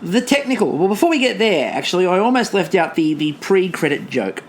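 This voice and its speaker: Podcast co-host: New Zealand woman, slightly low pitch, wry, sweary banter, casual review chat, faint background noise. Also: very animated, brisk.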